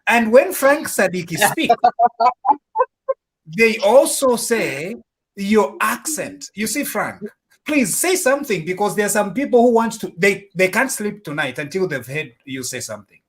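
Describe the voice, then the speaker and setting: A man's voice: high voice, very animated, a little slow. A male talk show host with a playful manner who often stumbles and restarts his sentences. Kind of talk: online talk show hosting.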